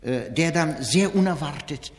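Casting: male literary reader, high and very animated voice, formal declamatory delivery. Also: measured pace, a little hiss or hum. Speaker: author-style reader introducing a play. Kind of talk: formal public reading. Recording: long reverberant hall.

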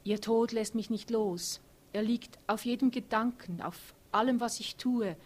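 A woman's voice: fairly high pitch, a little slow, voice pushed up. A woman voicing an upset young empress. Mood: grieving. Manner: agitated, defensive, later mournful.

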